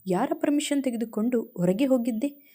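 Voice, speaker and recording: A woman voicing an angry, domineering young male boss who shouts harsh scolding lines in a story reading. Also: on the high side, a little fast, close to an everyday voice. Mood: angry shouting.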